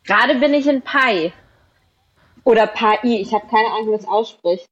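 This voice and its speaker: A woman's voice: a little high, normal speed, fairly bright tone. A woman and podcast co-host giving a chatty, affectionate update on a phone call, her voice muffled and lo-fi like a phone line.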